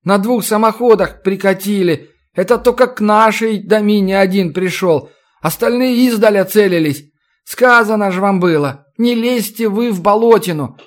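A man's voice: sits high, normal speed, pitched above the performer's own voice, lightly acted. A man doing a tearful rustic teenage boy. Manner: rustic folk dialect, pleading. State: tearful, sniffling. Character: sobbing teenage swamp boy, rustic, frightened.

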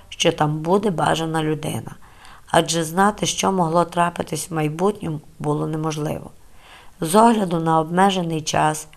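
A woman narrating a novel in a calm, measured storytelling voice. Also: low voice. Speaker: audiobook narrator. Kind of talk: scripted literary narration.

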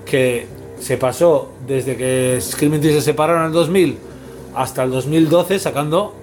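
Man, 40s, Spain accent, podcast host; casual, rambling and profane, raised pitch, soft music underneath. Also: measured pace. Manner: rambling, swears freely.

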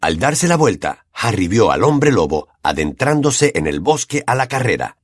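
A man with a Latin American accent narrating an audiobook with expressive, dramatic storytelling. His voice is somewhat husky and his pitch moves a lot, recorded dry and close. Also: normal speed, dry recording. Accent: Latin American Spanish.

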